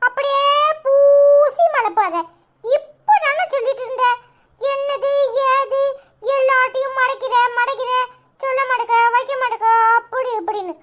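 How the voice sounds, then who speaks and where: A woman voicing a small excitable child in a cartoon, chattering and teasing with a Tirunelveli Tamil accent. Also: extremely high pitch, normal speed, dull audio, pitched above the performer's own voice.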